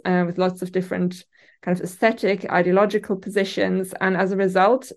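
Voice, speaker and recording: Speaking from her university office over a remote call, a thoughtful German-accented woman with a mid-range voice is a literature academic giving conversational interview answers. Her replies come hesitantly, full of ums and restarts.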